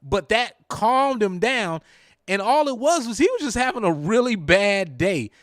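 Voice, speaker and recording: Talk host, male, Southern American accent, lively storyteller, slightly high voice. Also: unhurried, dry recording, studio quality. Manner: animated storyteller, acts out quoted lines. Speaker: radio show host. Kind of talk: casual talk show chat.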